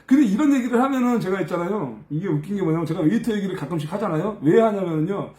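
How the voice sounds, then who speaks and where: A man with a high, lively voice tells stories from his own life in a casual, blunt, colloquial style, swearing freely. He keeps prodding his listeners with short tag questions as he goes. His voice echoes around a roomy space. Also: fast. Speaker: live stream speaker giving a life testimony. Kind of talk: casual personal storytelling.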